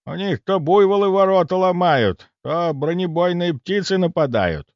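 A man doing a gruff bellowing old grandpa. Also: high voice, lively intonation, moderate pace, dry recording, muffled recording, pitched above the performer's own voice. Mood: boastful. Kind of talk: audiobook character voice.

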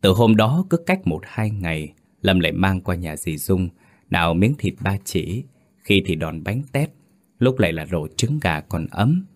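A man narrating a scripted horror story in a measured, dramatic manner. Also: sits low, very animated.

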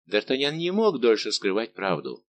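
A male audiobook narrator reading in a calm, measured way. His voice sits somewhat low and keeps an even delivery. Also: muffled recording, slight background noise. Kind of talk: scripted narration.

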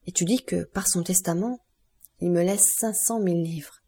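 A woman voicing a smug, sly young man in an audiobook, confiding and boastful as he talks. The voice is dark and husky with a gravelly edge. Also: lowish voice, moderate pace.

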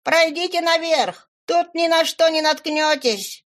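A woman reading aloud puts on a gruff old woman who speaks curtly as a disembodied voice from a dark hallway. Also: very high-pitched, measured pace, pitched above the performer's own voice. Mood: calling out. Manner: curt, clipped replies. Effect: disembodied voice from out of the darkness, distant. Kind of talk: audiobook narration of a classic novel.

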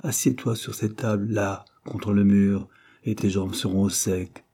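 A man voicing a shrill, ill-tempered working wife who scolds and shouts. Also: level tone, measured pace, husky. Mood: scolding. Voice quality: piercing, shrill.

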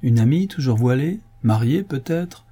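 A brisk, impatient police commissioner, as a male audiobook reader voices him, firing off sharp questions. The tone is mellow and a little husky. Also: medium pitch, lively intonation. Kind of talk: audiobook reading.

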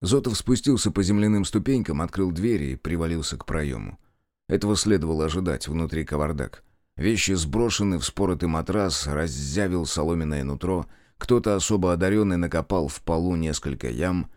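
A man narrating an audiobook in a measured, expressive storytelling manner. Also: deep voice, no echo, studio quality. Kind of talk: scripted narration.

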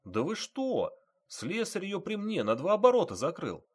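A man's voice: high voice, wildly swooping pitch, normal speed, pitched above the performer's own voice, full character voice. A man voicing an eager young male police trainee who speaks earnestly and urgently.

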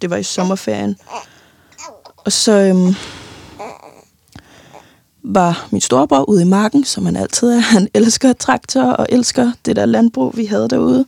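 A young woman giving a halting, personal account of loss in an interview, often pausing and restarting, sometimes tearful. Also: mid-range voice, creaky, warm tone, dry recording, clean studio sound. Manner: halting, many fillers and restarts, tearful at times.

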